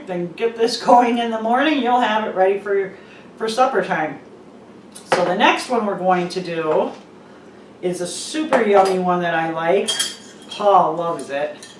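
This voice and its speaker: Middle-aged woman, easygoing home-cook host, casual demo delivery; roomy echo, distant mic. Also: medium pitch. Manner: easygoing, informal. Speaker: cooking video host. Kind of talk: casual recipe demonstration. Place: echoey half-packed home kitchen. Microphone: camera mic from a distance. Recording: echoey kitchen, distant mic, background noise.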